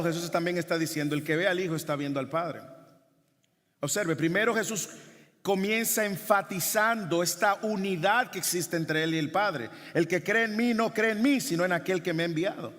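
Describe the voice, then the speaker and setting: A man's voice: high-pitched, a bit bright. A male pastor preaching a sermon emphatically, repeating rhetorical questions to the congregation. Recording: long hall reverb.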